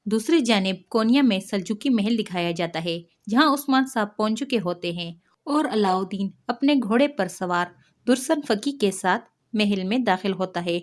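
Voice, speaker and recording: Woman, middle pitch, steady storyteller recapping a tv episode. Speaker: TV drama reviewer.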